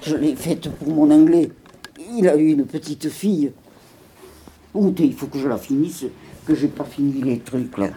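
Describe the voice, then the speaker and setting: Older woman, low husky voice. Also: measured pace, mellow. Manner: rambling, repeats words, sighs. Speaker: interviewee. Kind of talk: casual reminiscing interview. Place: at home.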